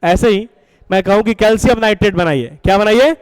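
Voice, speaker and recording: A man's voice: high voice, a little fast, clean tone, low-quality recording. A man teaching a chemistry class, coaxing students with questions and repeating their answers. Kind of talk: classroom lecture.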